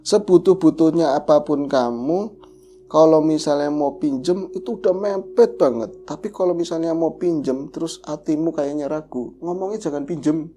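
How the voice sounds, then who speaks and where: A man telling a horror story casually as a podcast co-host, lively and acting out the voices of the people in it. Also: fairly high pitch, moderate pace, a little hiss or hum.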